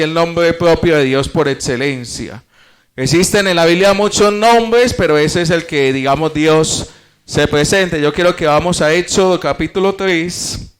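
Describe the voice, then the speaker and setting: A man's voice: fairly high pitch, clean tone. A man teaching a church Bible study class, explaining step by step, posing rhetorical questions and addressing the congregation as brothers.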